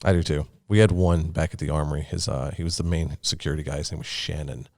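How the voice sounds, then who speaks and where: Deep-voiced man telling profane stories. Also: fairly even intonation, quick pace, a little mellow, no echo, clean studio sound. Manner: profane, storytelling, puts on voices for quotes. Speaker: podcast host. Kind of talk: casual interview chat.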